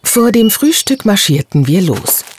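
A narrator reading a children's storybook in the first person, expressive and vivid. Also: mid-range voice, measured pace, a little hiss or hum. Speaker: audiobook narrator.

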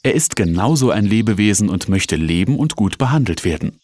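A man's voice: on the low side, lively intonation, fairly quick, a little mellow, no room sound. A man voicing a firm, scolding mother in a storybook reading, with a stern, raised voice. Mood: admonishing.

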